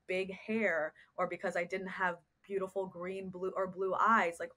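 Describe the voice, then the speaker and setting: A therapist from the United States appears as a guest on a podcast interview, speaking earnestly and reflectively and frequently asking rhetorical questions. Her voice is fairly low in pitch with a fairly bright tone.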